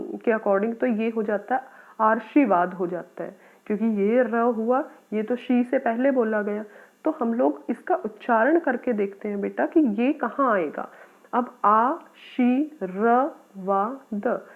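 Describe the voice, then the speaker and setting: A woman teaching a children's grammar lesson, explaining patiently step by step and calling her pupils "beta". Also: mid-range voice. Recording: tinny phone-like audio.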